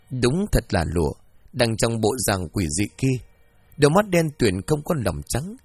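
A man's voice: medium pitch, a little mellow, slightly rough. A man narrating a ghost story with dramatic, storytelling delivery.

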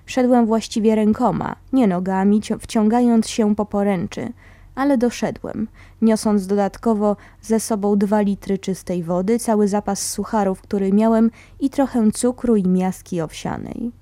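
Calm woman reading a memoir. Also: medium pitch, no echo. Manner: calm, measured storytelling. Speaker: narrator.

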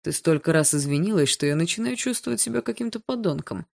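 A woman voicing a domineering teenage schoolboy who gives curt, menacing orders in a low, gravelly voice. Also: lively intonation, quick pace, a little mellow. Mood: cold.

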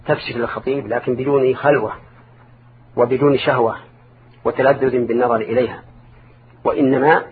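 Older man, Islamic scholar, formal Arabic, didactic, emphatic repetition, medium pitch, narrow-band noisy recording. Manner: didactic, repeats and rephrases for emphasis. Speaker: Islamic scholar answering listeners' questions. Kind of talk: religious counsel, spoken formal Arabic. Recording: narrow phone-like band, clear background noise.

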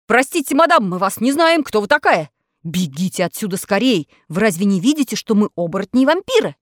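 A woman voicing an excitable male plumber dressed as a vampire. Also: medium pitch, fairly quick, dry recording, clean studio sound. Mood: excited.

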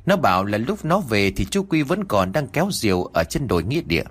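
Lower-voiced man telling a ghost story. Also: fairly quick. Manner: expressive, dramatic storytelling.

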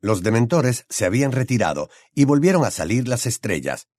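A man narrates an audiobook with dramatic, expressive delivery. His intonation rises and falls in a lively way at a middle pitch. The recording is dry and close. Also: brisk, dry recording.

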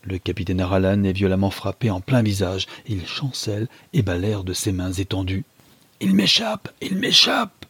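A man reading a novel aloud as a dramatic first-person narration, measured and gripping. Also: low-pitched, fairly even intonation, darkish tone, breathy edge, no room sound. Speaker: audiobook reader.

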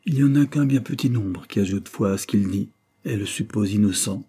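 Grave young man, gentle and steady, a male narrator doing him, mellow and husky. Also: lowish voice, brisk. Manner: calm, grave.

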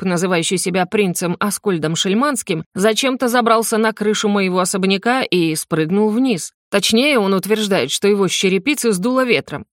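A woman's voice: medium pitch, dry recording, clean studio sound, lightly acted. A woman voicing an irritable, sarcastic wealthy male dragon in a storybook reading. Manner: sarcastic, barking, indignant.

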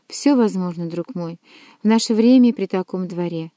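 A woman's voice: lowish voice, normal speed, warm tone, no echo, natural voice. A woman voicing a young queen who teases and reproaches her lover. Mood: reproachful. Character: young queen, teasing and commanding.

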